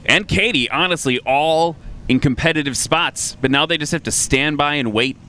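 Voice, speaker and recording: A man's voice: on the high side, moderate pace, pushed and bright, a little hiss or hum. A man co-commentating a live air show competition in an easygoing, chatty way, also giving sponsor plugs.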